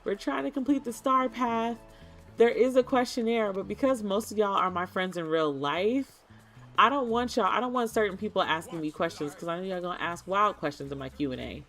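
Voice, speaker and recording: A young woman chatting casually while streaming a game, animated and playful, slipping into put-on as she talks. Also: mid-range voice, brisk, soft background music.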